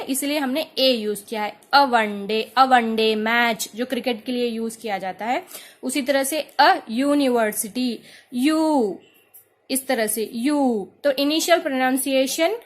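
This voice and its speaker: A woman with an Indian accent teaching an English grammar lesson, explaining patiently and spelling out examples slowly. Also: high voice.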